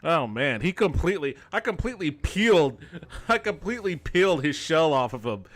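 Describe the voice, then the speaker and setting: Over some background noise, a male video game streamer and podcast host talks through gameplay casually, swearing in amused disbelief. His voice is a little high and very animated, at a normal speed.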